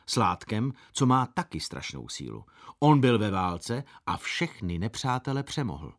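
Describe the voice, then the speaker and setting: Lively male audiobook narrator. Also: medium pitch. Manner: expressive, puts on voices for quoted characters. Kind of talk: audiobook reading of a boy's first-person story.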